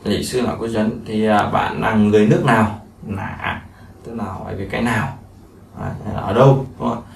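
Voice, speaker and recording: This man's voice sits fairly low and sounds gravelly, with a steady tone and normal speed. He's giving a language lesson, going over every phrase repeatedly and filling gaps with many fillers. The room is echoey, the mic far off, and there's faint noise.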